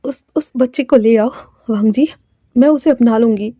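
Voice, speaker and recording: A woman voicing a desperate young woman who cries and begs her lover to stay, her pitch pushed high and tearful. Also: moderate pace, dark tone, no echo, lo-fi sound, lightly acted. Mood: pleading. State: crying.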